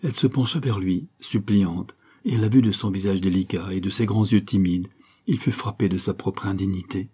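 A man narrating a classic novel as an audiobook in a measured, expressive manner. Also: low voice, husky.

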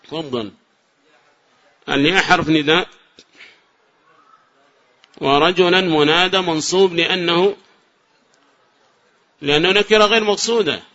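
A man from Yemen teaching a class as a sheikh. He quizzes his students, repeats each example slowly and with emphasis, and praises correct answers. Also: sits high, pushed and bright. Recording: dull lo-fi lecture recording.

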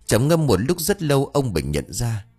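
A man narrating a scripted horror story dramatically, swinging between loud rises and hushed drops. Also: medium pitch, big pitch swings, normal speed, breathy edge, soft background music.

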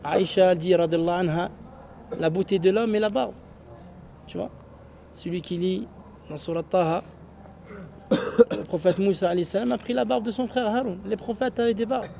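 Arabic teacher lecturing students, mellow voice. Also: male voice, high voice, fairly even intonation, normal speed, creaky, long pauses, a little hiss or hum. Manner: explains in French mixed with Arabic phrases, asks "tu vois?" often. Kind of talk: teaching a class.

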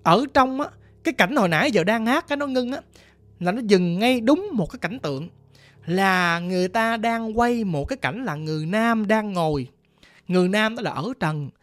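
A storyteller with a Southern Vietnamese accent retelling a ghost story, vivid and animated, acting out sounds. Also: medium pitch, moderate pace, no room sound, soft background music. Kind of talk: retold ghost story narration.

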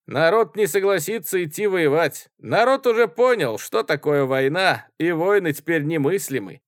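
A young male student who is sure he is right argues at full volume in a storybook scene, played by the reader. His voice jumps high and swings widely as he hammers his points. The recording is dry and close. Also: expressive, normal speed, no room sound, close to an everyday voice. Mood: categorical. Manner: shouting, categorical. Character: dogmatic young male student, hot-headed debater.

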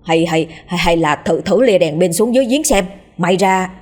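A woman's voice: fairly low pitch, expressive, moderate pace, darkish tone. Woman doing a stammering nervous villager.

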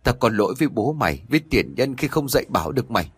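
A man's voice: medium pitch, very animated, rapid-fire, slightly rough, dry recording. A man voicing an old mother who scolds her cruel son, then wails in grief. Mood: stern scolding. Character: stern old mother, wronged and grieving.

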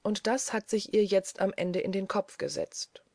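A woman's voice: mid-range voice, normal speed, vocal fry, darkish tone, dry recording, studio quality. A woman voicing an anxious, loving mother who speaks with a trembling, soothing voice. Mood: worried.

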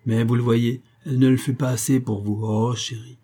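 A man's voice: medium pitch, flat delivery, normal speed, mellow, slightly rough, close to an everyday voice. A man reading a storybook aloud, voicing a cunning, spiteful old grandmother who coaxes and wheedles. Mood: wheedling. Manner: wheedling, calls everyone dear.

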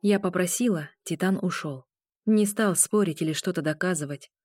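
A woman narrating a first-person audiobook with an emotional, expressive reading. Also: fairly low pitch, normal speed, no echo, clean studio sound, soft background music.

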